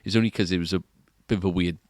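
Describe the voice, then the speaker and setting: A man with a very low voice chats casually on a shop podcast, tossing in frequent tag questions. The recording is close and dry, with no room echo. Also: fairly even intonation, racing. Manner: chatty, with rising tag questions. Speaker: podcast co-host at a guitar shop. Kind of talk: casual chat. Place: shop, indoors.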